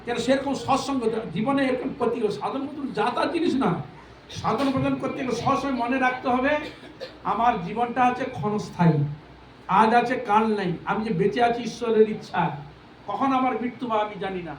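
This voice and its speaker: High voiced guy preaching a devotional sermon, sings verses, faint noise in the back, far off mic in an echoey hall. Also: brisk. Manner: rhetorical questions, repeats phrases for emphasis.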